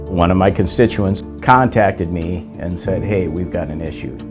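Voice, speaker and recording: A man's voice: deep voice, normal speed, over music. An American man, a politician, answering conversationally in a news interview. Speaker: state senator interviewee.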